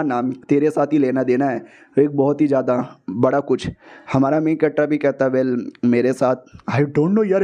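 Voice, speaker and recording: High mellow-voiced guy narrating a comic recap, joking around, quick switches into the characters. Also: dull audio. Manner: jokey slangy retelling, quick voice switches for characters. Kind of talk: casual comic story recap.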